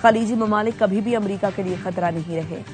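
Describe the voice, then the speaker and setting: A woman reading scripted news headlines in a brisk, formal delivery. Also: medium pitch, over music. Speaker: news anchor.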